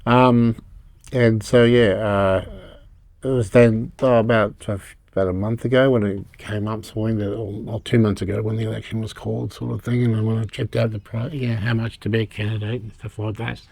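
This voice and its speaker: A middle-aged man with an Australian accent, answering interview questions in a halting, rambling way. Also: lowish voice, level tone, gravelly, a little mellow, no room sound. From Brisbane, Australia. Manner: rambling, halting, many fillers. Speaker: political candidate.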